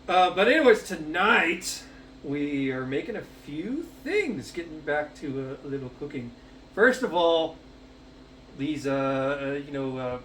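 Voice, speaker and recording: A man's voice: on the high side, a bit bright, far from the mic, slight background noise. A man hosting a casual cooking vlog on a headset, swearing freely and rambling with lots of fillers. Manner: profane and rambling, with many fillers. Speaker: cooking show host. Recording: roomy, off-mic, music underneath.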